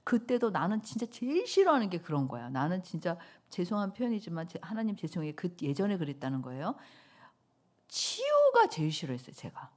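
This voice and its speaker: A middle-aged woman pastor giving a sermon in church, telling stories with loud outbursts and soft whispers. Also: lowish voice, quick pace, few pauses. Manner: animated storytelling, swings between loud outbursts and soft whispers.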